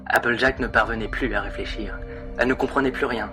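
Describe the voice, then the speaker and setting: A man narrating a dramatic fan story in an expressive, theatrical way. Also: mid-range voice, a little fast, over music.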